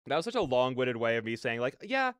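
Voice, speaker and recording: A streamer hosts a live stream full of casual, rambling, self-deprecating chat, replying to viewers and reading game narration aloud on a close, dry mic. His voice is medium-pitched and clean-toned, and he talks quickly.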